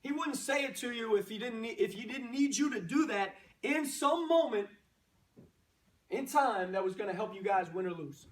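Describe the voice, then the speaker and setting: Male coach for a pregame pep talk: high-pitched, exhorting, punchy, heard from a distance in an echoey room. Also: lively intonation, normal speed. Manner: exhorting, punchy short phrases, rhetorical questions. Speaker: coach giving a guest pregame speech. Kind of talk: motivational pregame pep speech to a team. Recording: roomy echo, distant microphone.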